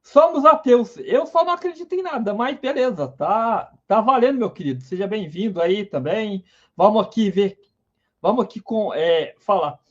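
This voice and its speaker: Guy hosting a live stream, very high voice, dull lo-fi sound, eager and chatty. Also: lively intonation, moderate pace, fairly bright tone. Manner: enthusiastic, greets viewers by name. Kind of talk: casual live science talk.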